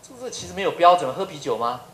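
A middle-aged professor speaks, telling funny anecdotes and asking the room one rhetorical question after another. His fairly high voice swings widely in pitch as he talks. The sound carries the echo of a roomy lecture hall. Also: expressive, fast talker, a bit bright. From Taiwan. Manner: humorous storyteller, many rhetorical questions. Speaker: university professor giving a public lecture.

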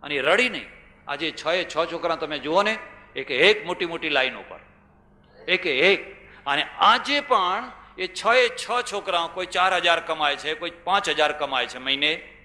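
An older man with a Gujarati accent delivers a religious sermon, spinning stories and driving points home with repetition and rhetorical questions. His voice is bright and forceful. It rings out through a large, echoey hall with a long reverb tail. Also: fairly high pitch, expressive, a little slow. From India. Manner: storytelling, rhetorical questions, repeats phrases for emphasis. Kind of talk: religious discourse to an audience.

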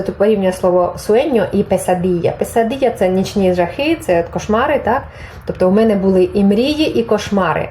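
A woman's voice: mid-range voice, warm tone, a little hiss or hum, poor audio. A woman teaching a Spanish grammar lesson, patiently explaining and reading example phrases aloud, then translating them. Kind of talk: online language lesson.

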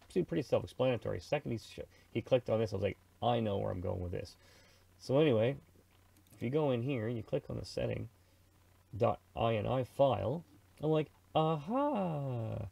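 In a dry recording, a middle-aged man from Canada hosts a laid-back, screen-recorded radio software tutorial, using slang and narrating what he's thinking. His mid-range voice is mellow with vocal fry and a breathy edge.

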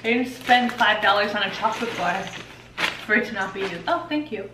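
A woman's voice: mid-range voice, animated, brisk, recorded from a distance, background noise. A young woman with a giggly, tipsy way of talking, bantering casually as a co-host of a home cooking vlog. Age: young adult. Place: home kitchen, indoors. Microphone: camera mic at a distance. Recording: echoey kitchen, off mic, music. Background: background music.

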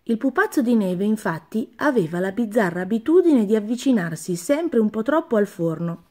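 A woman's voice: mid-range voice, expressive, normal speed, darkish tone. Woman reading a children's story.

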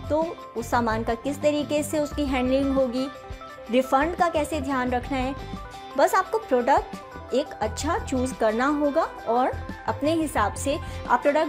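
High-voiced woman explaining to camera. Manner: friendly, direct address with frequent fillers. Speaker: channel host explaining online selling. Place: indoor room with bookshelves.

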